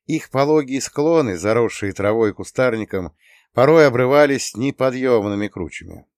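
A man narrating an adventure audiobook in the first person, with steady storytelling. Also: medium pitch, moderate pace, dry recording, studio quality. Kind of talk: scripted narration.

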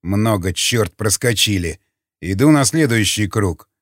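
A man's voice: on the low side, expressive, measured pace, no room sound, clean studio sound, voice pushed down. A man voicing a curt, commanding pilot who barks orders, read in an audiobook. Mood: tense barking. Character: gruff tense male pilot, curt and commanding. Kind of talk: audiobook character voice.

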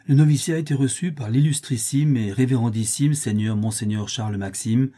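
A man narrating a classic novel as an audiobook in a measured, solemn manner. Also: mid-range voice, warm tone.

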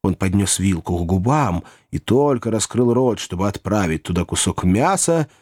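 A man narrating a classic novel as an audiobook in an expressive, animated way. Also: on the low side, moderate pace, breathy edge, dry recording, clean studio sound.

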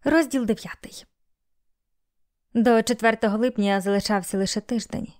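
Female audiobook narrator, steady and even, plain scripted reading. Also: a little high, normal speed.

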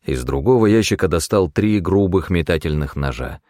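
Low-voiced male audiobook narrator. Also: animated, moderate pace, mellow, no room sound, clean studio sound. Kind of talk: first-person audiobook narration.

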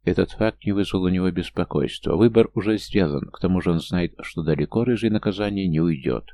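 A man's voice: a little fast, mellow. A man narrating a fantasy story as an audiobook reader, voicing all the characters himself. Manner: reads every character's lines himself, lifting his pitch for younger or smaller figures.

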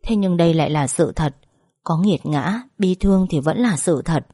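A woman reads an emotional first-person story in a soft, feeling voice. Her tone is low and mellow, with a dark, warm color. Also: normal speed. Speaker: audiobook narrator.

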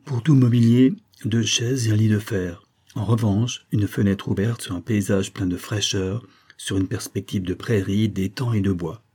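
A man reading a classic French novel aloud as an audiobook narrator, steady and unhurried. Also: lowish voice, breathy edge. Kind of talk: scripted narration.

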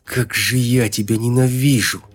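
A man's voice: steady tone, normal speed, a little mellow, natural voice. A male narrator voicing a hysterical, vicious woman who screeches threats and hisses insults. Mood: hissing. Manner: shrill, hissing, screaming threats.

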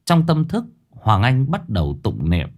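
A man narrating a ghost story in a dramatic, expressive way. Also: medium pitch, a little slow.

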